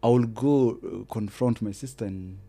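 A man from South Sudan with an East African accent, chatting casually as a guest, rephrasing haltingly and mixing in Swahili. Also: on the low side, gravelly, dark tone. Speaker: interview guest. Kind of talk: casual chat, code-switching with Swahili.

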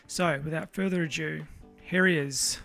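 Higher-pitched, gravelly male podcast host. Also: steady tone, moderate pace, sharp tone, faint music behind. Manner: informal, sweary, enthusiastic. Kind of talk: casual chat with spoken introduction.

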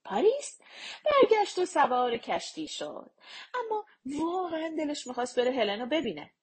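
A woman narrating a myth for an audio storybook in an expressive telling style. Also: high-pitched.

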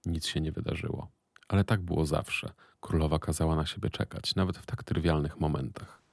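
A man narrating an audiobook in a steady, even reading voice. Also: very deep voice, fairly quick, creaky, dry recording.

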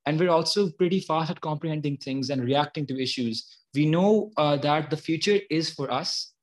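Speaking at a normal speed in a slightly high voice, this young Pakistani activist, in his early 20s, lays out his views earnestly. It's unscripted interview conversation.

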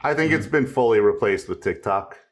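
Male co-host, low voice, hesitant with frequent restarts. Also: lively intonation, brisk. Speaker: podcast co-host. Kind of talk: casual roundtable chat.

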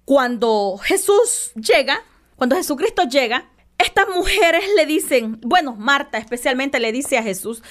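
A woman's voice: high voice, lively intonation, measured pace. A woman preaching a devotional sermon, impassioned, repeating lines for emphasis and addressing listeners affectionately.

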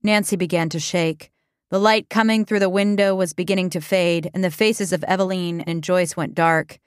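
A woman reading an audiobook in a steady, measured storytelling voice on a close microphone. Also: lowish voice, smooth, no echo. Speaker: audiobook narrator. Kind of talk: scripted narration.

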